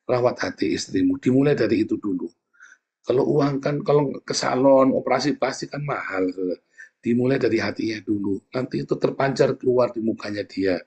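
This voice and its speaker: Husky-voiced preacher a lilt. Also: male voice, medium pitch. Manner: lively, joking, teasing with rhetorical questions. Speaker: pastor. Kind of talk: sermon.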